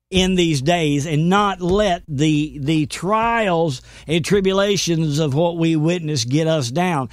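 A man's voice: fairly high pitch, no room sound, clean studio sound. A man hosting a faith show, preaching earnestly and quoting scripture. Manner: earnest, emphatic, quotes scripture. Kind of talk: sermon-style commentary.

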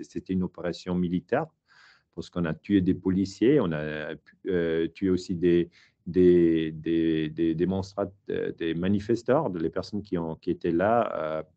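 Speaking from his home study, a middle-aged historian with a Swiss German accent answers interview questions hesitantly, full of fillers and restarts. His voice sits low and mellow, and the highs are cut off.

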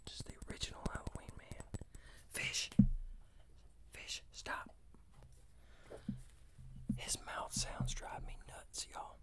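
An American man in his thirties whispers an informal ASMR product review close to a desktop microphone. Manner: slow, unhurried, informal whispering. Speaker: fragrance reviewer and ASMR host. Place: small indoor room with shelves of bottles. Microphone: close desktop condenser microphone.

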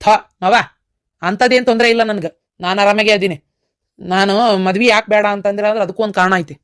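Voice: mid-range voice, steady tone, quick pace, a bit bright, smooth, natural voice. A performer voicing a stubborn young villager set on becoming a soldier, with a North Karnataka accent, in a cartoon. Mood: earnest. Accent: North Karnataka Kannada. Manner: earnest, stubborn. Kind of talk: cartoon voice acting.

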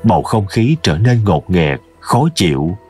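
A man narrating a scripted horror story in a slow, ominous storytelling manner. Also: low voice, animated, a little mellow, faint music behind.

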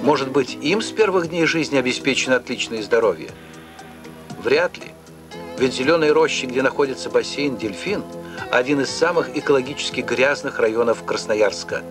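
A man reading a scripted voice-over for an old archive newsreel, in a measured manner that builds into rhetorical, accusing questions. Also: medium pitch, animated. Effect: old newsreel narration played from an archive film. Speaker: newsreel narrator. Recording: narration over loud music.

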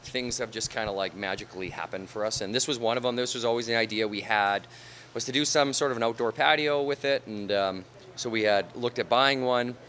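A man's voice: medium pitch, a little fast, a bit bright. Bar owner guy in his 30s, easygoing, lots of um and you know, handheld mic, faint noise behind. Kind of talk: casual on-site interview. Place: outdoors on a street, then inside a large bar and bowling hall. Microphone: handheld reporter mic.

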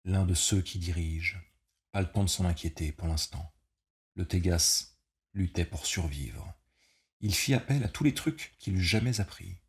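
A man reading a novel aloud as narrator, in a slow, measured, dramatic delivery. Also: low-pitched, darkish tone. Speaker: audiobook reader. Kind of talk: scripted narration.

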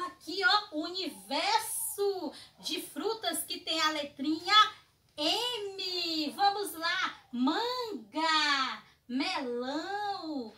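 Brazilian preschool teacher, woman, bright high voice, slow drawn-out sing-song delivery, echoey room, distant mic. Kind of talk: online class for small children.

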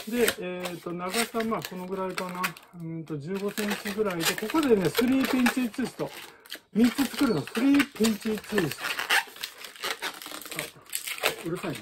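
A man's voice: sits high, normal speed, long pauses, very noisy. A man teaching balloon art in a chatty, casual way and laughing often. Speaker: balloon artist. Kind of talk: casual tutorial chat.

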